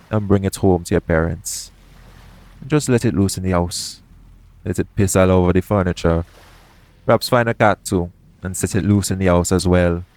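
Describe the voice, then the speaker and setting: This man's voice sits low as he plays a pirate captain who is both roguish and caring. The intimate audio roleplay has him soothing the listener while teasing them gently.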